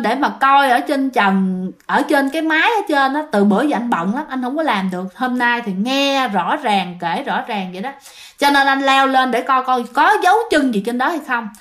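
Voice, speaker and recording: Woman, chatty storyteller, talks to listeners, somewhat high voice. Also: a bit bright. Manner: chatty, addresses listeners directly. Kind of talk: casual ghost story narration.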